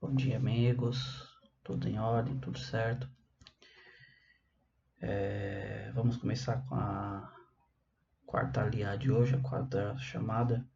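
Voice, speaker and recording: A man's voice: lowish voice, fairly even intonation, slow pace, creaky, pauses often, background noise. A man giving a casual Torah lesson, talking conversationally and often checking in with his listeners. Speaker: Torah teacher. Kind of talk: casual teaching talk. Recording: dull lo-fi recording.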